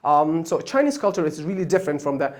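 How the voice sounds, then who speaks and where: With big pitch swings, a quick pace and a darkish tone, this Afghan host, a Persian and Pashto speaker running an online Chinese course, explains the course plan off the cuff. His mid-pitched voice leaps up on stressed words, and he hesitates with plenty of ums, uhs and false starts.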